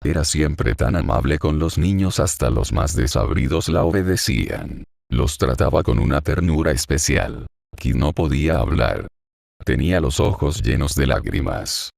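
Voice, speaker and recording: A man narrating an audiobook chapter in a slow, measured reading. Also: a bass voice, creaky, darkish tone, dry recording, studio quality. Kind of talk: scripted narration.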